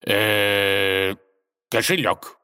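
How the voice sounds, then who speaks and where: A man voicing a boastful, toothless old male forest robber in a storybook, squeaky and quick to take offense. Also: expressive, close to an everyday voice. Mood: threatening. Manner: squeaky, petulant, easily offended. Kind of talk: storybook character voice.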